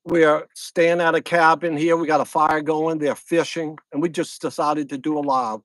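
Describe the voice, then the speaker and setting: Man, middle-aged, Louisiana accent, fairly high voice, dry close sound, rambling livestream chat outdoors. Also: level tone, normal speed, a bit bright, no room sound. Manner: rambling, repeats himself, greets viewers one by one. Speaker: fishing channel host. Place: outdoors at a lakeside camp at night.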